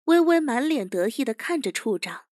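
A woman narrating an audio drama in a steady storytelling voice. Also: high voice, normal speed, no echo, clean studio sound.

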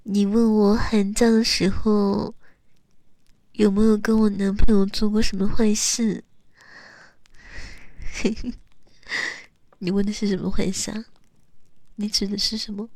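A young woman acting a teasing, coaxing young woman who calls herself big sister, in an intimate role-play audio spoken close to the mic with soft whispers. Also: medium pitch, level tone, measured pace, pauses often, no echo.

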